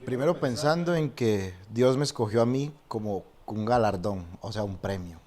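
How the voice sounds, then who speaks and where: A man who is a pastor, telling stories and preaching in a lively way and often restarting his sentences. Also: fairly low pitch, moderate pace. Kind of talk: animated storytelling and preaching in a podcast conversation.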